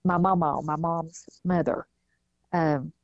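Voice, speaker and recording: A mother, as a guest in a casual interview, tells her family's story and acts out the voices of people she quotes. Her low voice has fairly even intonation and a slow pace, with no room sound and a dull lo-fi quality.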